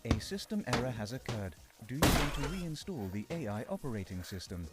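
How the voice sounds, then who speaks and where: Glitching robot ship assistant, game voice actor, bouncy sing-song pitch, music in the back. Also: sing-song, a little fast, natural voice. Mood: malfunctioning. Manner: malfunctioning, repeating error messages. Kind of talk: scripted video game voice lines.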